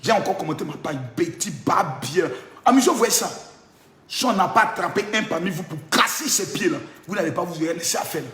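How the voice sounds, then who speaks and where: A man in a boastful, taunting video rant, shouting and half singing his jeers. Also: sits high, lively intonation, a little fast. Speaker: social media influencer. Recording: echoey room.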